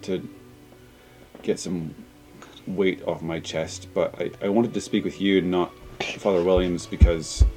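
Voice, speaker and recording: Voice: low voice, fairly even intonation, unhurried, pauses often, mellow, faint music behind, rough recording. A player in a tabletop game making dry jokes and talking in character. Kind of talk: tabletop role-play chat.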